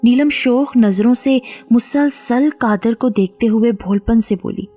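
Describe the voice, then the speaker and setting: A woman storyteller giving a steady, dramatic scripted reading of a horror story. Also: fairly high pitch, unhurried, faint music behind.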